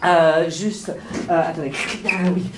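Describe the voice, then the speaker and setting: A man's voice: fairly high pitch, steady tone, unhurried, background noise, pitched below the performer's own voice, close to an everyday voice. A man playing a flustered new schoolteacher lady. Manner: flustered, stammering, many hesitations. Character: nervous young female schoolteacher, first day. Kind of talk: stage improvisation. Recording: roomy stage with live audience.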